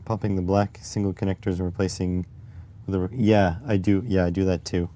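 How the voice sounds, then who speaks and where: A man with a raspy voice live-streaming while testing circuit boards, muttering to himself as he works and reading chat aloud. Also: low voice, level tone, a little fast, dark tone. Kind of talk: casual live-stream electronics tinkering.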